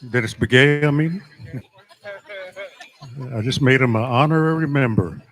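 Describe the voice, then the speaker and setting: A man speaks as a powwow emcee in a medium-pitched voice. He announces honorees and calls people forward. His delivery is ceremonial and deliberate, with pauses between phrases.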